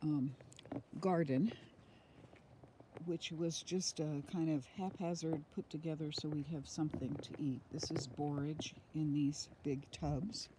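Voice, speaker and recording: A middle-aged woman strolls through an outdoor garden, chatting casually into a handheld phone. She talks at an unhurried pace with frequent ums. Steady rain noise sits clearly under her voice. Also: sits low. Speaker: homesteader giving a garden tour. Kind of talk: casual walking tour narration.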